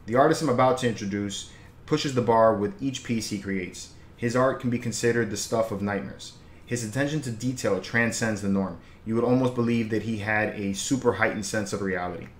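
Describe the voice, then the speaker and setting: A man's voice: lowish voice, a little fast. An older man hosts an interview, upbeat and casual as he asks his questions. He trips over his wording now and then. The room sounds roomy, with faint noise behind him. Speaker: interview host. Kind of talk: scripted introduction and casual questions.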